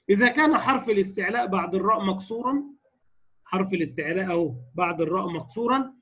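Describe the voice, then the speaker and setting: Egyptian man, tajweed teacher, high husky voice, casual explainer who recites examples slowly and repeats them. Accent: Egyptian Arabic. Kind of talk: tajweed lesson in colloquial Arabic. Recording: dull lo-fi recording.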